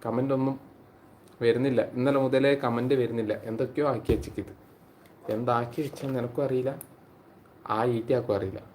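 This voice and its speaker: A man's voice: mid-range voice, fairly even intonation, brisk, long pauses, a little mellow, slight background noise. A man, hosting a casual live stream on his phone and chatting with viewers by name. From Kerala, India. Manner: chatty, greets viewers by name and reads their comments aloud.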